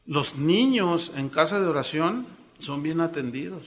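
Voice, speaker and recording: A middle-aged man from Mexico preaching a sermon as pastor, telling stories in an animated way and acting out the voices of the people he quotes. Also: fairly high pitch, measured pace. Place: church congress hall.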